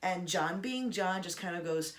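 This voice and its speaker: A woman's voice: on the low side, expressive, normal speed. A young adult woman vlogger casually telling a personal story to camera in a chatty, rambling way with sarcastic asides. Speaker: Disney vlogger.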